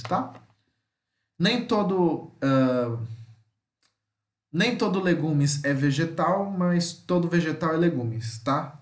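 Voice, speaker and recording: A male teacher with a Brazilian Portuguese accent giving an online vocabulary lesson, drawing out example words slowly and checking in with his students often. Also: fairly high pitch. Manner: slow drawn-out model pronunciations between chatty explanations; keeps checking in with "tá?". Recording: echoey room.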